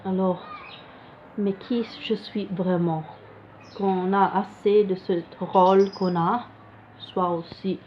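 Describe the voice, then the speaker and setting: A woman with a foreign accent in French, a non-native speaker, explaining cards casually to viewers and searching for her words. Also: fairly low pitch. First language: not French. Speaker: card reader presenting a card deck. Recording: dull lo-fi sound with faint noise.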